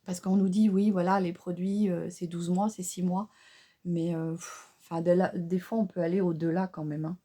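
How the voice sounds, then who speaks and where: A woman's voice: fairly low pitch, moderate pace. A woman doing a casual makeup tutorial, chatty and hesitant with many fillers, talking straight to her viewers. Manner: excited exclamations over the colors. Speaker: beauty vlogger.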